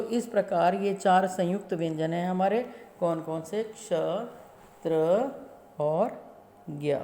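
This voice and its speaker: Woman schoolteacher, steady classroom lesson delivery, very slow pace, echoey room. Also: medium pitch. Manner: slow, deliberate, spells out sounds syllable by syllable. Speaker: school Hindi teacher. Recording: echoey room with long reverb.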